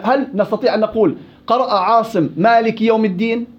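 Man, high voice, questioning teacher, dull lo-fi classroom recording. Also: quick pace. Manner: questioning, explains with examples and quoted verses. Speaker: Quran recitation teacher. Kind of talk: classroom lesson with questions to students.

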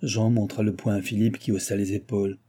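Audiobook narrator, male, low and dark, a touch husky. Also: little pitch movement, a little fast. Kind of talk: novel reading.

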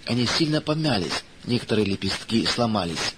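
Man narrating a gentle children's story. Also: on the low side, lively intonation, fairly quick, background noise.

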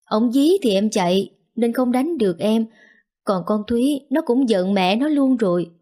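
A woman's voice: fairly high pitch, normal speed, warm tone, lightly acted. A woman voicing a tearful younger sister who pleads through sobs. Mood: tearful pleading. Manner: sobbing, pleading. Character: tearful younger sister fleeing drunk husband.

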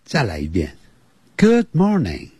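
Brief: husky-voiced male teacher, very animated delivery, dry close sound, patient repetition. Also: fairly low pitch, no room sound. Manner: slow, drawn-out demonstration with many repetitions. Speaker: English teacher. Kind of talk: beginner language lesson for children and parents.

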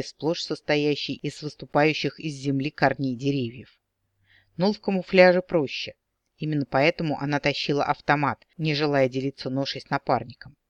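A man narrating an audiobook in a measured, expressive reading. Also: fairly high pitch, no room sound, dull audio.

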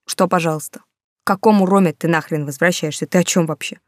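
A woman voicing a hot-tempered young man who argues loudly in blunt slangy speech, jilted by his lover. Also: lowish voice, fairly even intonation, fast, no room sound, studio quality, close to an everyday voice. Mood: incredulous, angry.

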